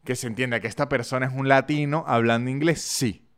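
A man's voice: mid-range voice, fairly even intonation, a little fast, smooth. A man with a Venezuelan Andean accent from San Cristóbal, hosting a solo podcast in a chatty, jokey, self-mocking way and talking straight to his listeners. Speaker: podcast host. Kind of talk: solo podcast monologue with read sponsor ads.

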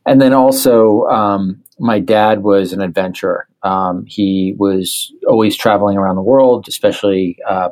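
A man from New York guesting on a podcast, talking in a relaxed, reflective way with frequent fillers. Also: low-pitched. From New York, USA. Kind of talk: casual interview conversation.

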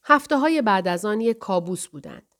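Calm woman narrating an audiobook. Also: medium pitch.

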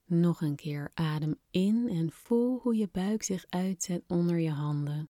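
A woman softly and soothingly guiding a breathing exercise in calm, unhurried scripted instructions, slightly breathy at times. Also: fairly low pitch, no room sound, studio quality. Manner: soft, soothing, unhurried instruction with long pauses. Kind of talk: guided relaxation exercise, scripted narration.

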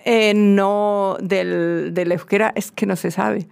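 Gravelly woman with a southern Spanish accent. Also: mid-range voice, steady tone, slow pace, a little mellow. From southern Spain. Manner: lecturing, many restarts and fillers. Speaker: guest language expert. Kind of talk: explanatory casual chat.

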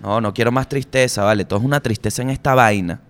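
A man's voice: medium pitch, fast talker, clear, resonant tone. Slangy Venezuelan comedian man. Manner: slangy, animated, swears freely, jokey asides. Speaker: comedian podcast host. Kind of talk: casual comic monologue.

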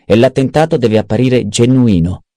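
A man's voice: medium pitch, animated, moderate pace, dark tone, dry recording, pitched above the performer's own voice, natural voice. A man voicing a cunning, self-satisfied male adviser in an audiobook, eager and precise. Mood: scheming. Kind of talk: audiobook character voice.

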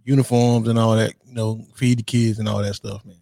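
A man's voice: lowish voice, level tone, a little fast, vocal fry, mellow. A man who coaches middle school football, chatting casually and joking on a live stream. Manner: laid-back, joking.

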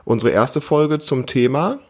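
Chatting warmly with a child on his casual family podcast, this man in his thirties or forties keeps his explanations simple and supportive. He speaks a little slowly in a mid-range voice with lively intonation.

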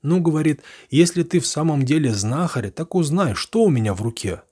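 Man playing an imperious, husky fairy-tale tsar. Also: fairly high pitch, animated, brisk, a little mellow. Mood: challenging. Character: commanding male tsar, stern but generous.

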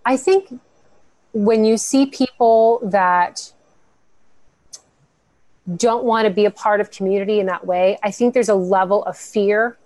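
A woman's voice: medium pitch, a little slow, long pauses, darkish tone, no room sound. Upbeat woman guest on a dry mic. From United States, Cuban family. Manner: earnest, upbeat, talks in long flowing answers. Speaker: guest, founder of a women's network. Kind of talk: podcast interview.

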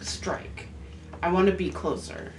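A woman's voice: on the low side, takes it slowly, slight background noise. Eager woman player, far from mic. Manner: eager, planning aloud. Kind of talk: tabletop game table talk. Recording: distant roomy mic.

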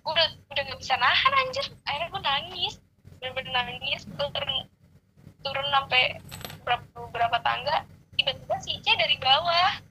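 High bright-voiced woman. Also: brisk, a little hiss or hum, low-quality recording. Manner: animated, slangy, swears casually. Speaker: storyteller. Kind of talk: casual chat.

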